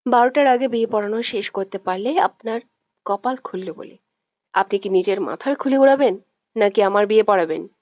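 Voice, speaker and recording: A woman's voice: medium pitch, moderate pace, a little mellow, no echo, highs cut off, lightly acted. A woman voicing a domineering, hot-tempered young man who bosses and threatens in curt lines, in a read-aloud audio story. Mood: threatening.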